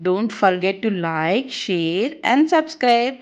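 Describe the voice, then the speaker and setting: Lady doing kids learning video, super slow n lively up and down, simple encouraging teacher talk. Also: medium pitch. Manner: encouraging, simple teacher-to-toddler address with short phrases. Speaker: presenter of a children's counting lesson. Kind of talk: children's educational narration.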